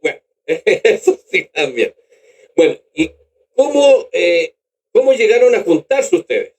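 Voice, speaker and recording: A man's voice: high voice, very animated, slow pace, a little mellow. A man with a Chilean accent hosting a radio interview in a friendly, chatty way. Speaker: radio host.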